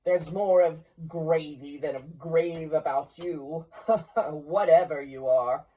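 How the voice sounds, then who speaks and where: A woman acts out an old miser from a storybook, recorded at some distance from the mic. He blusters and pleads at a ghost, nervy and defiant, with an unhurried delivery. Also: low-pitched, dark tone. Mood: scornful, defiant. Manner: blustering, then pleading and fearful.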